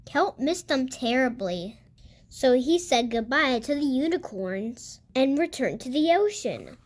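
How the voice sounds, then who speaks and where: A child reading a picture book aloud for other kids, with expressive, emphatic storytelling. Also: high-pitched, a little slow. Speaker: host of a read-aloud channel.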